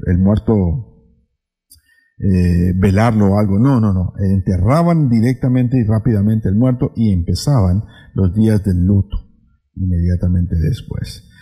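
A man giving a Bible lesson in a mellow, somewhat husky voice. He talks unhurriedly, with fillers and repeated phrases for emphasis. His voice carries a long, echoey hall reverb. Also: on the low side. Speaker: preacher. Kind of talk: Bible teaching talk.

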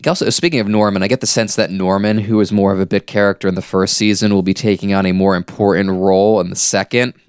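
A man's voice: fairly low pitch, steady tone, quick pace, hardly any pauses, clean tone, no echo, clean studio sound. A man co-hosting a podcast, giving thoughtful commentary in casual, analytical conversation. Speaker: podcast host discussing an animated series.

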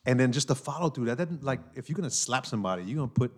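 A man from New York hosting a casual podcast chat, animated, repeating himself and filling with "like" and "right?". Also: mid-range voice, rapid-fire, slightly rough. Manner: animated, talks with hand-wavy fillers and repeats himself. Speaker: podcast host.

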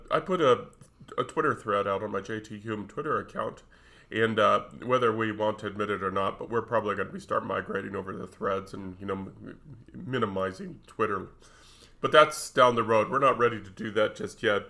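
A man's voice: lowish voice, vocal fry, pushed and bright. A middle-aged man with a stuffed-up, congested voice, rambling and self-deprecating as a podcast co-host on a close mic. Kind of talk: casual podcast chat.

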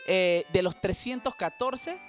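A man's voice: high voice, a little slow, faint music behind. A young man with a Panamanian accent telling a history story in casual, slangy chat, often laughing and restarting his sentences. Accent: Panamanian Spanish. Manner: animated, laughing, heavy slang and swearing, restarts.

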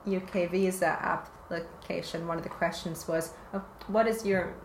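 A Canadian woman, a researcher appearing as a guest in a casual interview, speaks hesitantly, with lots of fillers and frequent laughter. Her voice is fairly low and steady at a normal speed, and the recording sounds roomy with faint ambient noise.

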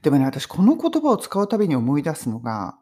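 Lively Japanese woman teaching English. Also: low voice, fast, breathy edge. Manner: chatty, animated storytelling with laughs. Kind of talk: casual English lesson.

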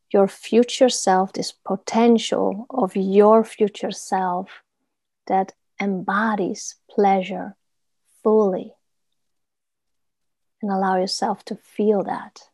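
Female meditation guide, mellow and unhurried, soothing murmur as if during a massage, close dry sound. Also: mid-range voice, dry recording. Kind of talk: guided body meditation, soft instruction.

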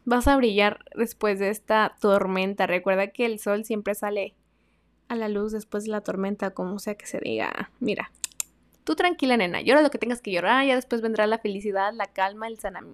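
A young woman with a Mexican accent hosting a casual advice podcast, chatty and slangy, swinging between loud emphasis and soft asides. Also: mid-range voice, moderate pace. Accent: Mexican Spanish. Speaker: podcast host.

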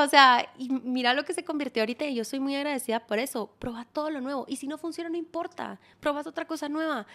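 High-voiced frank woman. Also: fairly bright tone. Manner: frank, direct, swears casually, speaks straight to the listener. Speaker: podcast host. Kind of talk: casual advice podcast.

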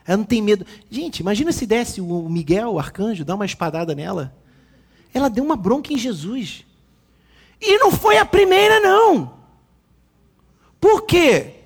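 A man preaching a lively sermon, joking with the congregation and acting out quotes. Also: sits high, normal speed, pauses often, slightly rough. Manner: animated, jokes with the congregation, acts out quotes. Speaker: pastor.

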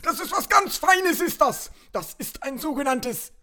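Shrill, insistent male wizard for a homemade audio drama, played by a man. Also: expressive, a little slow, sharp tone, full character voice.

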